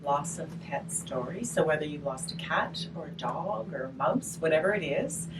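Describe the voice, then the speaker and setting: Children hear a picture book read slowly and with feeling by a low-voiced hospice volunteer, who stops to talk and pose questions to them. Faint background noise comes through the distant microphone.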